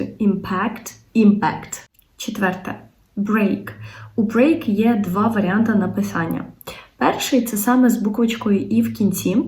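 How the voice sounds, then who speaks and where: A young woman English teacher with a Ukrainian accent goes through word pairs patiently, stopping often on little filler sounds. Her voice is mellow and dark, and it carries a roomy echo. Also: medium pitch. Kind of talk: explaining English vocabulary in Ukrainian. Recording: echoey room.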